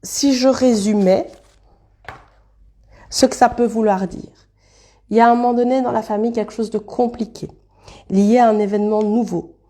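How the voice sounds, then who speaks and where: A woman with a mellow, warm voice gives a relaxed card reading on a live stream. She talks loosely and thinks out loud, breaking off to greet viewers by name. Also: on the high side, normal speed, long pauses.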